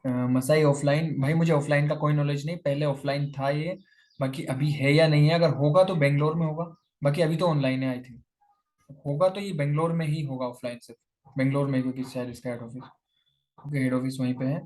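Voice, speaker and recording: A young male YouTuber chats casually on a lavalier mic, answering viewer comments and calling his listeners "brother," "buddy," "bhai" and "yaar." His voice is fairly high and darkish, with a steady tone and a brisk pace.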